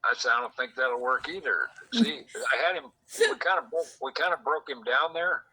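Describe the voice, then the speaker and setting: Bright-voiced man telling a rambling story. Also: medium pitch, big pitch swings, normal speed, creaky, breathy edge, poor audio. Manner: rambling, quotes people in dialogue. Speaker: host. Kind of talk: casual storytelling chat. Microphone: secretly recorded conversation.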